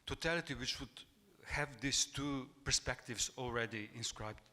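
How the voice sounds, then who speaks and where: Guy giving a lecture, lots of uh and restarts, bright voice, echoey hall. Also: medium pitch. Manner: halting, repeats words, many fillers. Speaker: academic speaker. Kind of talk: academic lecture.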